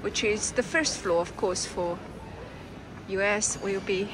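A woman narrating a casual walking tour as a travel vlogger, speaking in slow, halting, simple phrases while walking through a large airport terminal on a camera mic. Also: medium pitch, fairly even intonation. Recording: busy terminal noise behind.

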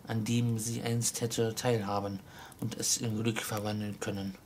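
A man reading the part of a chained ghost of an old miser, speaking in a solemn, slow, mournful way. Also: on the low side, flat delivery, a little hiss or hum. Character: ghost of an old male miser, grave, sorrowful, bound in chains.

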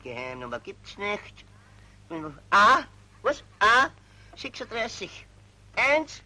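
An actor playing a flustered minor civil servant, who stammers and bows and scrapes in 1940s film style. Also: male voice, high voice, slow, dry recording, exaggerated voice, rough recording. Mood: deferential. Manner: stammering, deferential, excitable. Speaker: stammering petty official.

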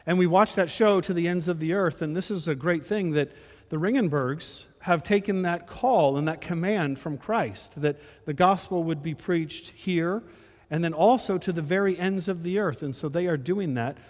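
A middle-aged male pastor making upbeat church announcements into a handheld mic. His voice sits a little high for a man, and the words trail off into the long reverb of a big sanctuary. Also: normal speed. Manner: friendly, upbeat announcing with fillers. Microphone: handheld microphone.

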